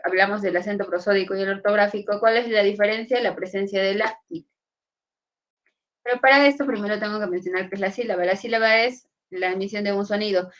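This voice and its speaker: A woman's voice: mid-range voice, muffled recording. A woman teacher, giving a classroom lesson and often asking her students whether they follow. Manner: asks frequent checking questions.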